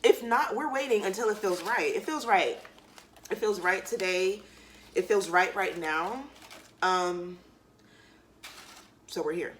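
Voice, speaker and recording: A woman's voice: medium pitch, slow, long pauses, slight background noise. Casual woman chatting while eating. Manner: candid and relaxed, loose slang, frequent fillers. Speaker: vlogger. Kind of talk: casual chat to camera.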